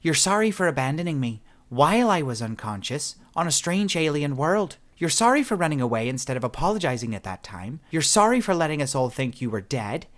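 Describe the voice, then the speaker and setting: A man's voice: mid-range voice, normal speed, pitched above the performer's own voice, close to an everyday voice. A male narrator voicing a guarded young woman who speaks dryly and firmly, in audiobook narration. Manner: dry and firm.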